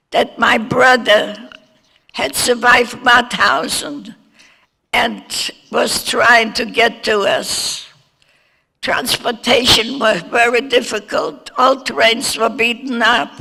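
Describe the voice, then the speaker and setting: A woman, a Holocaust survivor speaking slowly and earnestly to students as a guest speaker. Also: a little high, vocal fry, bright, forceful tone. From Germany. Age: 90s. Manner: slow, earnest storytelling. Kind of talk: personal testimony talk to students. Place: school forum hall. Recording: echoey hall reverb.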